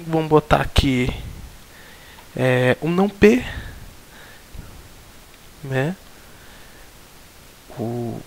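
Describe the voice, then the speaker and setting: A man with a Brazilian Portuguese accent teaching a recorded logic lesson, explaining step by step with many fillers and restarts. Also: on the high side.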